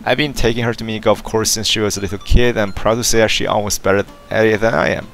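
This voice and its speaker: A man's voice: fairly low pitch, fairly even intonation, quick pace, gravelly, a bit bright, soft background music. A man playing a dating game, casually reading its text aloud and stumbling over words now and then. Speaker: let's play gamer.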